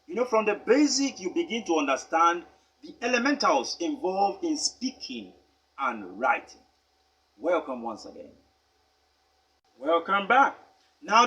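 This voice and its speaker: Emphatic husky-voiced male teacher. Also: sits high, sharp tone. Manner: deliberate and emphatic, spells words out letter by letter. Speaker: English teacher. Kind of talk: pronunciation lesson.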